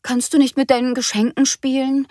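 A woman voicing a busy, hurried mother speaking from the kitchen. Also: high-pitched, little pitch movement, dark tone, no echo, studio quality, voice pushed up, lightly acted.

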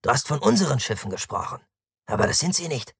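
A man voicing a careful, pedantic young male tactician who speaks in a measured, precise way, in an audiobook. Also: mid-range voice, very animated, gravelly, fairly bright tone, slightly rough, no room sound, studio quality, pitched above the performer's own voice, exaggerated voice. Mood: calm.

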